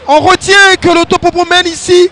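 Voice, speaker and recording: A man doing excited live sports commentary in a very high, bright voice. He is emphatic and exclamatory as he follows the football, with faint crowd noise behind him. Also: normal speed.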